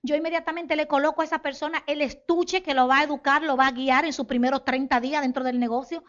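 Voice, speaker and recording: A woman from the Republic, giving an animated business talk to an audience and acting out sales conversations. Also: high voice, muffled recording. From Dominican Republic. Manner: animated, acts out sales dialogues, addresses audience as señores. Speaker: network marketing business speaker.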